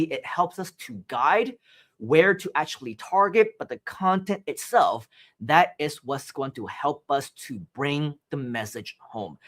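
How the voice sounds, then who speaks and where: A man's voice: fairly high pitch, a bit bright. A man from Hong Kong in his thirties, hosting a live-streamed marketing training in a conversational way, often asking "right?" and reading out viewer chat messages. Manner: conversational, asks viewers questions, frequent "right?".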